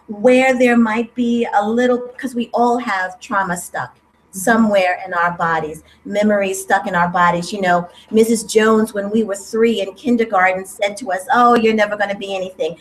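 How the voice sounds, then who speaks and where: A middle-aged woman, a breathwork teacher, speaking gently and warmly about breath and healing in an interview. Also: a little high, steady tone, measured pace, slight background noise, poor audio. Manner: gentle, soothing, heartfelt. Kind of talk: spiritual interview talk.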